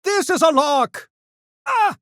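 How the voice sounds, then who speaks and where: Brain Gremlin, pompous high-voiced cartoon creature. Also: male voice, big pitch swings, slow, fairly bright tone, no room sound, clean studio sound, full character voice. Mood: excited, theatrical. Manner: pompous, wordy, mock-genteel diction. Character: small, erudite, smug male gremlin genius with mischievous menace. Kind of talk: video game character voice lines.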